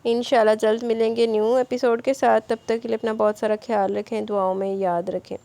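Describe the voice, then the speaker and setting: A woman's voice: a little high, flat delivery, fairly quick, creaky. Chatty woman reading out viewer comments. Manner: warm thanking, chatty replies to listeners.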